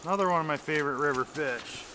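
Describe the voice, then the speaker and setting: A man's voice: on the high side, quick pace, noisy background. A man in his thirties casually talking to the camera while fishing on a small river, enthusiastic and explaining as he goes. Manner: enthusiastic, chatty, explains as he fishes. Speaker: fishing vlogger. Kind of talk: casual outdoor vlog. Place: outdoors on a small river bank and in a canoe.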